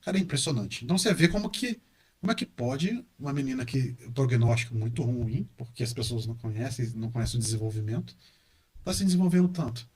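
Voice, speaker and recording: A middle-aged man with a Brazilian Portuguese accent, a university professor and engineer who is a guest on a casual podcast interview. He talks in an animated way and repeats words for emphasis. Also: mid-range voice, fast.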